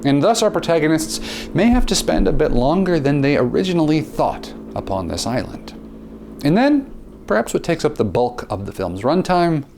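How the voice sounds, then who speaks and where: A man's voice: vocal fry, noisy background. A man delivering a scripted film review in a theatrical way, often repeating a word as he starts a phrase. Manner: theatrical, with dramatic pitch swings and slowed emphasis.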